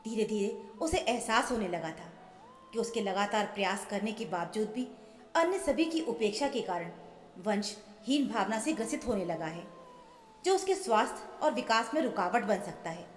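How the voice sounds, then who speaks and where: A woman telling a scripted emotional family story in an earnest, measured manner. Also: mid-range voice, expressive. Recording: echoey with long reverb, soft music. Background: soft background music.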